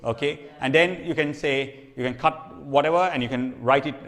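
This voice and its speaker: A man's voice: on the high side, moderate pace, a bit bright. A man preaching in a conversational teaching style. He often asks "okay?" to check in and repeats or restarts phrases. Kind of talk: sermon teaching. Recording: long reverb hall.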